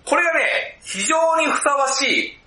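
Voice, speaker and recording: A man's voice: very high voice, very animated, normal speed, pushed and bright. A man co-hosting a casual movie review podcast, joking and teasing, then giving his review in polite formal phrasing. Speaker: podcast co-host. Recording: roomy echoey room.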